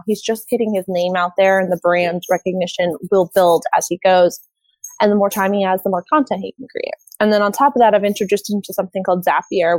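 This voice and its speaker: A woman's voice: mid-range voice, a little mellow. A woman with a mid-range voice explains social media strategy as a guest consultant. Her delivery is casual and explanatory, full of little fillers, and the recording is dry, with no room echo. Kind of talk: conversational interview.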